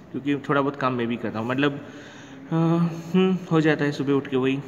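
A man's voice: medium pitch, highs cut off, slight background noise. Chatty male schoolteacher in a roomy space. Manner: chatty, asks questions and answers them himself. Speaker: primary school teacher. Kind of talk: recorded classroom lesson.

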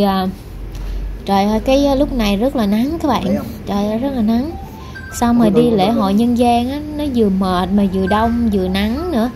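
A young woman, chatting casually to her viewers in a hair salon, full of fillers and asides. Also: mid-range voice. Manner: rambling, many fillers, addresses viewers directly. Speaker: vlogger. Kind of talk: casual vlog narration. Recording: noisy background.

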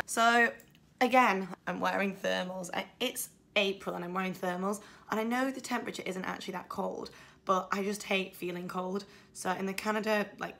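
A woman's voice: medium pitch, vocal fry, a bit bright. A woman in her twenties with a Yorkshire accent, chatting casually to a handheld camera while out and about in a city, rambling and poking fun at herself. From Yorkshire, England. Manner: chatty, self-deprecating, rambling asides. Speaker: travel vlogger. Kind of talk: casual vlog chat to camera. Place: out and about in a city, indoors and outdoors. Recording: vlog with music behind.

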